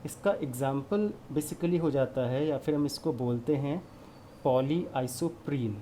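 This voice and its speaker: A man's voice: medium pitch, moderate pace, dark tone, a little hiss or hum. A male chemistry teacher lecturing a class. He goes step by step, puts questions to the class and answers them himself, and mixes English terms into his speech.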